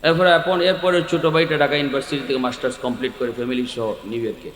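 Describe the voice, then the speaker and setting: A man with a Sylheti Bengali accent giving a sermon, swinging from shouted peaks to quiet storytelling. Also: mid-range voice, fairly even intonation, quick pace. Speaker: preacher. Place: large outdoor or hall religious gathering. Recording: echoey hall with long reverb.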